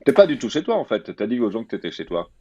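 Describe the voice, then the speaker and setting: A man's voice: medium pitch, sing-song, fast talker, mellow, breathy edge, no echo. A man in his thirties chatting informally as a remote interview guest, rambling and joking, over a video call. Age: 30s. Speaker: interview guest, advertising director. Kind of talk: casual remote interview chat. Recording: slightly dull, lo-fi call audio.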